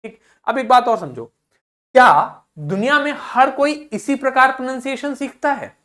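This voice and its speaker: A male English teacher giving a video lesson in Hindi, who asks questions, answers them himself and repeats example words slowly. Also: very high-pitched, sharp tone.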